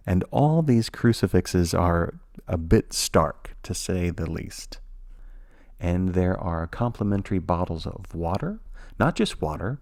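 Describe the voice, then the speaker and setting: A man narrating a scripted spooky podcast story in a measured, wry manner. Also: low-pitched, a little mellow, dry recording, studio quality.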